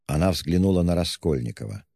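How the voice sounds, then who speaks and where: A man with a low voice narrating a classic novel in a measured, dramatic way. The voice is close and dry up front, with a long hall reverb trailing behind. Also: lively intonation, vocal fry, warm tone, slightly rough. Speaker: audiobook narrator.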